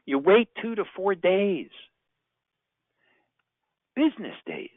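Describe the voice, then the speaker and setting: A man's voice: sits high, lively intonation, slow pace, no echo. A man giving an instructional presentation as a sales trainer, informal and emphatic, asking rhetorical questions. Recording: narrow phone-like sound, very dry.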